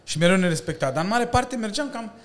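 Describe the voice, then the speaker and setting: Animated man telling stories with slang. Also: sits high. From Romania. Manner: animated storytelling with slang and laughter. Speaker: podcast guest, breakdancer and stuntman. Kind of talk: casual chat.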